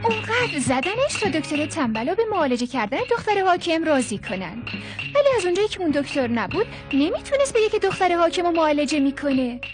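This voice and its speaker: A woman narrating a dubbed cartoon folk tale in a gentle storybook manner. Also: very high voice, sing-song, music in the background.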